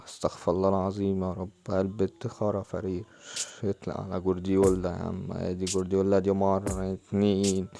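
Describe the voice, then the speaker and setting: A man's voice: low-pitched, mellow, a little hiss or hum. A young man with an Egyptian Arabic accent, chatting casually while opening football game packs, muttering prayers and groaning in frustration. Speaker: mobile football gamer. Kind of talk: casual gaming commentary.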